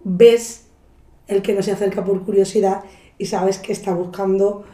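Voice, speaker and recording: A podcast guest describes her travels in a casual chat, cursing freely and slipping into the voices of people she quotes. She keeps a steady tone and moderate pace in a warm, mellow, medium-pitched voice, echoing roomily off the space.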